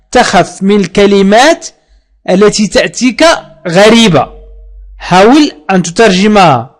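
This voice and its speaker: Male language teacher, high voice, unhurried bilingual drilling. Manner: repeats words slowly, translating each into Arabic. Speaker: French teacher. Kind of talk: slow bilingual language lesson.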